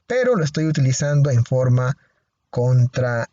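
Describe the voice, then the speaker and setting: A man with a Panamanian Spanish accent teaching an English grammar lesson, speaking deliberately and repeating each example slowly and clearly. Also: medium pitch, very animated, mellow, muffled recording. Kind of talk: recorded lesson explanation.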